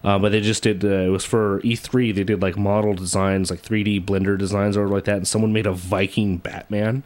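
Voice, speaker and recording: A man's voice: on the low side, little pitch movement, brisk, darkish tone. A young adult man rambling in casual chat, swearing and trailing off. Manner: rambling, swearing, jumps into mock voices.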